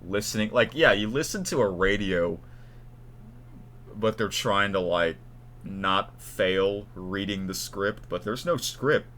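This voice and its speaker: A man with a fairly low voice talks casually to his viewers without a script. He thinks out loud and talks to himself between takes. A faint hum sits under his voice. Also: slow pace. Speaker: YouTube channel host. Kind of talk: casual unscripted vlog talk.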